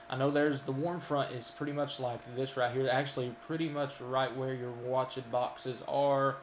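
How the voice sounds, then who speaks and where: A man's voice: medium pitch, echoey room, a little hiss or hum. A man with a Kentucky accent giving live storm radar commentary, folksy and full of ums and uhs as he lists towns. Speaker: storm chaser and weather streamer.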